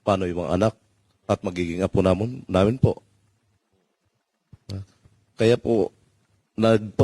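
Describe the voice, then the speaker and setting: A man's voice: on the low side, a little mellow, no room sound. An earnest man speaking politely and steadily about why he and his comrades spoke out, often adding "sir" and "po". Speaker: former marine speaking out on corruption.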